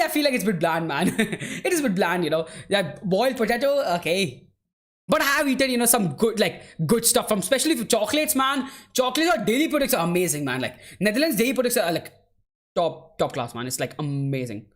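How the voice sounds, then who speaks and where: A man's voice: high-pitched, sing-song, fast talker, a bit bright. A man hosting a live football watchalong, calling the play and chatting casually with viewers, calling them "bro" and "man" and laughing easily. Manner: laughs easily while answering chat. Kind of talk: live match commentary and chat replies.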